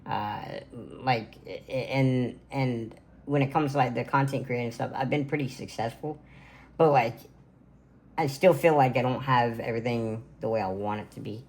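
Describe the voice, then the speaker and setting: A man's voice: medium pitch, steady tone, normal speed. A man in his twenties talking casually to camera in a birthday vlog from his gaming room, rambling with lots of fillers. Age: 20s. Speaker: content creator. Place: home gaming room, indoors.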